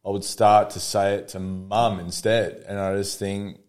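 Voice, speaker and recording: A man in his thirties with an Australian accent, talking candidly as a podcast guest. His voice sits on the lower side, and he tells personal stories in an open, easygoing way, often breaking into a laugh. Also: little pitch movement, measured pace, darkish tone. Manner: open, storytelling, laughs easily. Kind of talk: casual conversation.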